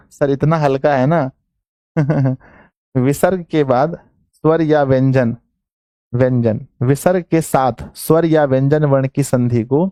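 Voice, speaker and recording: Teaching grammar for exam prep online, a Bihari-accented man dictates phrases slowly and says each one over and over while coaxing his "children" along. His mid-range voice sounds mellow and dry, recorded close with no room sound.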